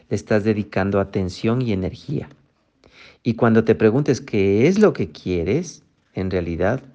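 Slow, deep-voiced man giving a motivational talk. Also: a little mellow. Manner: emphatic, asks rhetorical questions and answers them. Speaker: motivational speaker.

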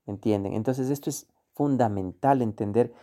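A man's voice: medium pitch, moderate pace, mellow. A man teaching a course module on beliefs, speaking emphatically and repeating key words. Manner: emphatic, repeats words, acts out quoted voices. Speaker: course instructor. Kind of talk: motivational teaching on money beliefs.

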